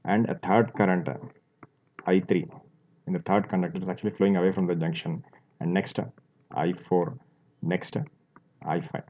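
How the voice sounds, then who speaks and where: A man's voice: sits low, fairly even intonation, moderate pace, long pauses. A man teaching a physics lesson, explaining step by step as he draws, with fillers and restarts. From India. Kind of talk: classroom lecture while drawing. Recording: tinny phone-like audio.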